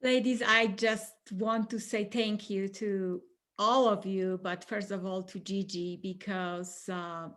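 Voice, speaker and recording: A woman from Poland with a Polish accent, co-hosting a conference and sharing her story in a halting, earnest way. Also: mid-range voice, steady tone, fairly bright tone. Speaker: co-host. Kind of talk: personal testimony speech.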